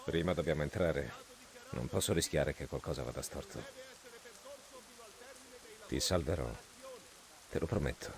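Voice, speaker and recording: A male actor playing a calculating officer who leads armed men in a video game, measured and authoritative. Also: a bass voice, exaggerated voice, poor audio. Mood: calm, commanding. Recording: clear outdoor street noise behind.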